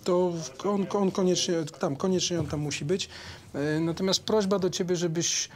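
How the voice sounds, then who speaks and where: A man's voice: sits high, steady tone, moderate pace, a little mellow. A man coaching a string orchestra in a rehearsal, speaking with hesitations and singing rhythms aloud. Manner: hesitant, sings rhythms and counts beats aloud. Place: rehearsal room with a string ensemble.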